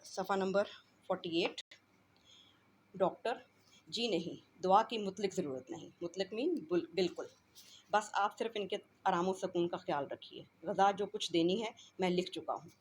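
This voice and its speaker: A woman's voice: medium pitch, a little mellow, a little hiss or hum. A woman teacher who reads a classroom play aloud and explains each line in simpler words.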